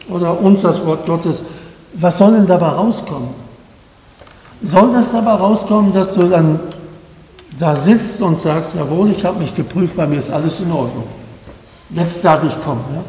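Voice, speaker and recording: Man, preacher, sermon, earnest, pleading, high voice, mellow, long reverb. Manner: earnest, pleading, asks the congregation direct questions.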